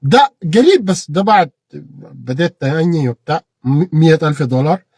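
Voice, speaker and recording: A man with a Sudanese Arabic accent giving an impassioned political monologue, repeating phrases and bursting into shouted peaks. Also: fairly high pitch, animated, a little fast, breathy edge, no echo, studio quality. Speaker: political commentator.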